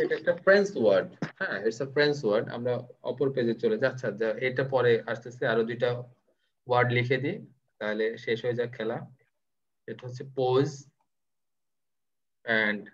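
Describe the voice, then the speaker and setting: A man's voice: mid-range voice, brisk, highs cut off. Playful man teaching vocabulary. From Bangladesh. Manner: playful and teasing, mixing in English words. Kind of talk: live online class.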